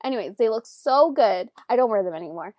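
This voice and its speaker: A woman's voice: fairly high pitch, expressive, fast talker, very noisy. A young woman co-hosting a casual book podcast, telling rambling stories full of fillers and laughter. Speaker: podcast co-host. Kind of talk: casual chat.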